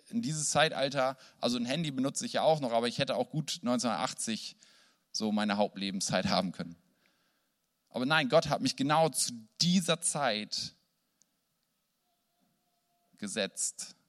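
A man's voice: mid-range voice, a bit bright. Male preacher giving a sermon, earnest, storytelling, normal mid voice.

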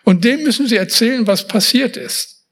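A man's voice: very high-pitched, lively intonation, moderate pace, fairly bright tone. A man preaching a sermon, emphatic and speaking straight to his listeners with casual asides.

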